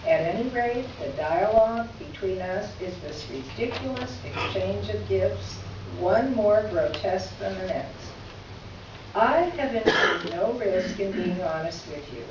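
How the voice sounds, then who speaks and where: A woman performs a staged reading as a gracious, witty writer of a candid letter, her formal, articulate delivery wry and open. Medium in pitch and natural, her voice has lively intonation at a slightly slow pace, captured by a distant mic in an echoey room, muffled with faint noise.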